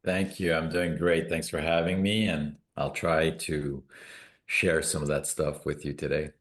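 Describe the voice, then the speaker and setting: A man's voice: extremely low pitch, little pitch movement, a little slow. A middle-aged man, a business founder who grew up in Canada, tells his story reflectively as an interview guest, with some hesitations. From born in Morocco, raised in Canada. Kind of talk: conversational interview.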